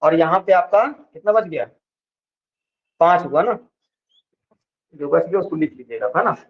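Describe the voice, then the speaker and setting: High-voiced teacher drilling students. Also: male voice, lively intonation. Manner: keeps asking "है ना?" to check students follow; explains slowly, stretching example words. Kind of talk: classroom lecture. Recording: dull lo-fi sound.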